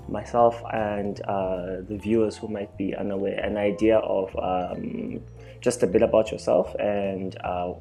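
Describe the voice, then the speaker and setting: A man's voice: on the low side, warm tone. A young man runs an interview over a video call, asking questions with many fillers. He keeps the talk going with short backchannels, and faint music plays behind him. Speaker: host, interviewer. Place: small room indoors. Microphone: webcam on a video call.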